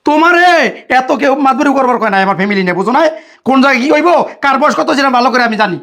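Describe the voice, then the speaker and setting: A man playing a shrill scolding father-in-law. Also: expressive, racing, a bit bright, heavily acted. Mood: indignant. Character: older father-in-law, indignant village elder. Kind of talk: Bangladeshi short drama acting.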